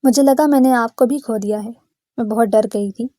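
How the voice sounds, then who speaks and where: A woman's voice: a little high, dark tone, dry recording, studio quality, natural voice. A woman voicing a frightened, tender-hearted young woman who speaks anxiously. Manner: anxious, tearful.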